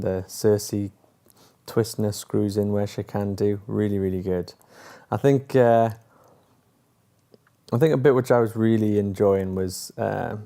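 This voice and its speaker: Man vlogger, low and mellow voice, loose and jokey, fillers everywhere. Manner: chatty and joking, with many fillers. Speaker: TV episode reviewer. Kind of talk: casual chat to camera.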